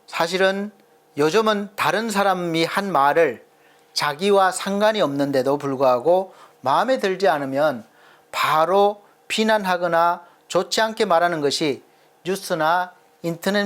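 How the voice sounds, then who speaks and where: A middle-aged male pastor preaching a sermon earnestly, asking rhetorical questions and slowing down to stress his points. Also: fairly high pitch, a bit bright.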